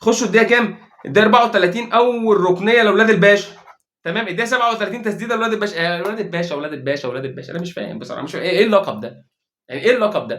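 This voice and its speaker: A man with an Egyptian accent giving a joking, sarcastic football match recap in fast, exasperated rants. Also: sits high, fairly bright tone. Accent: Egyptian Arabic. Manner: joking, mocking, rapid rants with exasperated asides. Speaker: football fan commentator.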